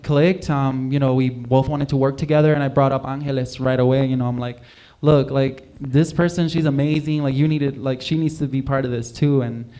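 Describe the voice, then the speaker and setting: A man's voice: mid-range voice, mellow, clear, resonant tone. A young man from Puerto Rico, a singer, chatting casually as a guest in a livestream interview, rambling with many fillers. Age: young adult.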